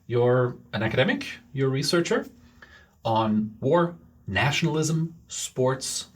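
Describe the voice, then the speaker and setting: A man hosting a podcast who earnestly asks for listener support and introduces his guest, repeating words for emphasis. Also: mid-range voice. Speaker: podcast host. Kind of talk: podcast host appeal and introduction.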